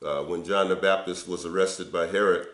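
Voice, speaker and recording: Older man, pastor, webcam sermon in a roomy office, low-pitched, earnest and conversational. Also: fairly even intonation, moderate pace, fairly bright tone. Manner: earnest, conversational preaching with frequent uh fillers. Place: indoor office before window blinds.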